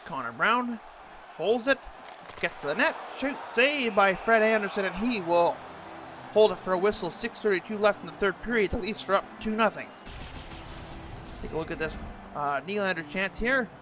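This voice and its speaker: A man doing an announcer-style play-by-play commentary of a hockey video game, excitable on big plays. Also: high voice, moderate pace, background noise.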